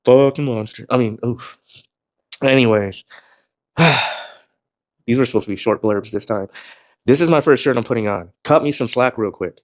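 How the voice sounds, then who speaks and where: A man vlogging casually to camera about gym shirts, talking in a rambling, laid-back way, swearing now and then, with a voice he calls monotone. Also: medium pitch, moderate pace, pauses often, no echo, studio quality. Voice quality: calls his own voice monotone.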